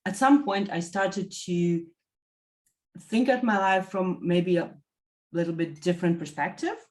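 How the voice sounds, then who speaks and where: Woman from latvia in her 30s, fairly low voice, thinking out loud, lots of ums. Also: measured pace. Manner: thoughtful, many fillers and self-corrections. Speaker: interview guest, executive assistant. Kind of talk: reflective testimonial interview.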